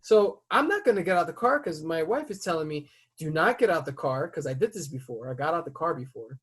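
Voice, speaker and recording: A man hosting a podcast who tells a story in casual chat. He swears freely and breaks into loud, heated outbursts as he retells it. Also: a little high, lively intonation, fast, slightly rough. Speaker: podcast host.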